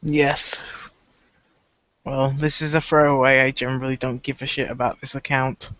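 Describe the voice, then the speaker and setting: A man's voice: medium pitch, little pitch movement, normal speed, sharp tone, no room sound, lo-fi sound. A man hosting a casual live stream, talking in a laid-back, dry way. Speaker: stream host. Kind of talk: casual chat.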